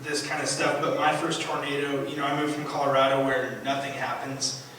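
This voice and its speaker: A man's voice: medium pitch, flat delivery, fairly quick, bright, forceful tone, a little hiss or hum. A man giving a rambling personal testimony in a church, with many fillers and restarts. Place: church sanctuary. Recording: echoey church from a distant mic.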